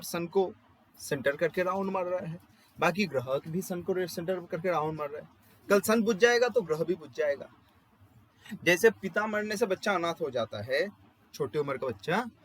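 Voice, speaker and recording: A man's voice: high voice, rough recording. A man with a Bengali accent teaching an astrology class, explaining with rhetorical questions and everyday examples and dropping English phrases into his Hindi. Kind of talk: classroom lecture.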